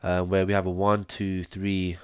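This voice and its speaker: Brief: hoarse, low-pitched man, chesty cough, monotone chart walkthrough full of ums, close dull lo-fi mic. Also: a little slow, no room sound. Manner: talks step by step through wave counts, many ums. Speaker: trading analyst. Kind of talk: screen-share chart analysis. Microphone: close mic, audible breathing.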